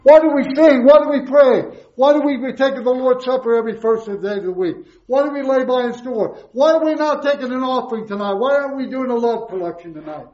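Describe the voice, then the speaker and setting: High-pitched preacher speaking through a face mask. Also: male voice, lively intonation, brisk, hardly any pauses, a little mellow. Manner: emphatic, repetitive rhetorical questions and answers. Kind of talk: sermon. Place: echoey room, preaching to a congregation. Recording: roomy echo, slightly muffled sound.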